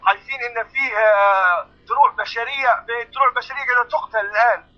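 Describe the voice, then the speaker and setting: Distressed high-voiced Libyan man pleading fast. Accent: Libyan Arabic. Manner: pleading, repeating oaths. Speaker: eyewitness caller. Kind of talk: urgent phone report. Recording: muffled lo-fi phone line.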